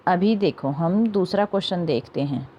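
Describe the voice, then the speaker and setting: A young woman teaching a class of children, sounding out each word slowly and answering her own questions. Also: lowish voice, dark tone. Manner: slow, careful word-by-word pronunciation drills; asks questions and answers them herself. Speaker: Sanskrit teacher.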